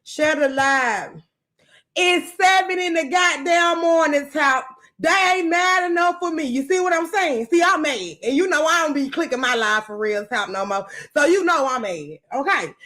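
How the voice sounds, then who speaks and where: A high-voiced woman rants on a livestream, angry and profane after a sleepless night. She curses freely and keeps breaking off to greet viewers by name. Her delivery is raw and heated. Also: expressive, normal speed, sharp tone. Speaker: podcast host on a livestream. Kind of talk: unscripted livestream rant.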